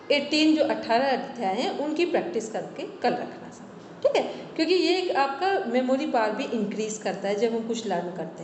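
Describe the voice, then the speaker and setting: A high-pitched woman teaches over a video call, her voice ringing with a long hall echo. Faint noise sits behind her as she patiently corrects pronunciation and sets homework. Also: darkish tone. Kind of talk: online class instruction.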